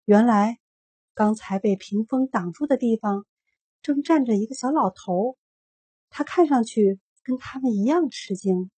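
A woman reading a children's story aloud in a slow, steady way. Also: fairly high pitch, husky, no echo. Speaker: narrator.

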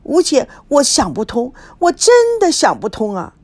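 A woman acts out a heartbroken young woman in a story reading. She pleads tearfully, her high voice swinging widely. Close, dry sound. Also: big pitch swings, measured pace, darkish tone, no room sound, exaggerated voice. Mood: sobbing.

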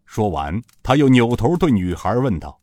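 Lively-voiced male audiobook narrator. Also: fairly low pitch, normal speed, no room sound, studio quality. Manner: expressive storytelling delivery. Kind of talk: audiobook narration of a martial-arts novel.

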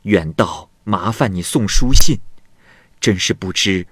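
A man's voice: low voice, slow pace, fairly bright tone, slightly rough, no echo, studio quality, full character voice. A man putting on a chuckling fifty-something woman. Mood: chatty. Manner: cheerful, chuckling, prying. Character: genial worldly woman in her fifties.

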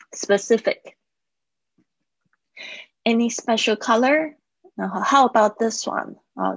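A woman teacher leads a live-streamed English lesson, explaining phrases and repeating key words slowly. Her voice carries a gravelly, slightly husky edge. The sound is close and dry. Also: medium pitch, no room sound, highs cut off. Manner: patient explaining, drills pronunciation by repeating words.

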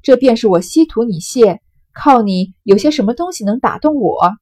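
A woman reading aloud and voicing a greedy, scheming older sorceress-nun who feigns reluctance and haggles, in a husky voice. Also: a little high, lively intonation, normal speed, a little mellow. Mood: sly. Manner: coy, feigning reluctance, then bargaining.

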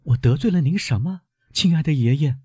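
A worried young woman presses her grandfather with one urgent question after another, as a male narrator lifts his voice for her. Her tone is husky and breathy, and it sits close and dry with no room around it. This is storybook reading. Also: medium pitch, wildly swooping pitch, moderate pace, darkish tone, dry recording, voice pushed up, full character voice. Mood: anxious pleading.

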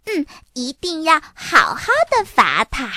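A woman doing a shrill, bratty little sister. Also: huge pitch swings, slow pace, bright, forceful tone, no echo, clean studio sound, heavily acted. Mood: dramatic. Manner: breathless, exaggerated whining. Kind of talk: storybook reading.

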